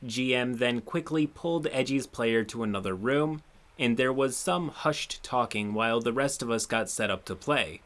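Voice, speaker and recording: A man narrating a submitted tabletop gaming story, with expressive, sarcastic asides of his own. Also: mid-range voice, moderate pace. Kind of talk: reading a submitted story aloud with commentary.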